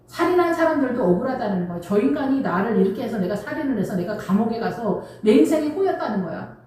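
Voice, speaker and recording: A woman's voice: on the high side, big pitch swings, fast, warm tone, slight background noise. Woman pastor preaching in echoey hall. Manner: emphatic, fires rhetorical questions, casual speech. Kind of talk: conversational sermon. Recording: very echoey hall, distant mic.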